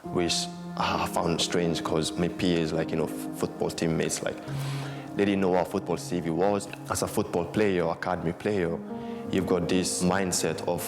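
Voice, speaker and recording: A man's voice: deep voice, level tone, moderate pace, over music. A man in his twenties from Guinea, talking casually in an interview about his football past, with many "like, you know" fillers. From Guinea, West Africa. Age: 20s. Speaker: interviewee, former academy footballer.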